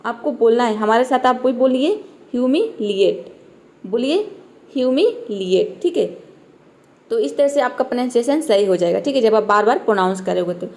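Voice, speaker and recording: Casting: woman, slightly high voice, patient English tutor who spells words out slowly. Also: a little mellow. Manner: keeps repeating "theek hai". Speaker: English teacher. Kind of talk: spoken vocabulary lesson.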